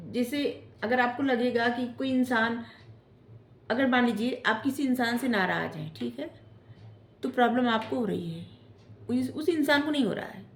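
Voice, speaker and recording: A woman tarot reader giving gentle spiritual advice, often checking in with "theek hai?" as she talks. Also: a little high, roomy sound. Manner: gentle coaching tone, ends phrases with "theek hai?". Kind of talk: casual spiritual advice talk.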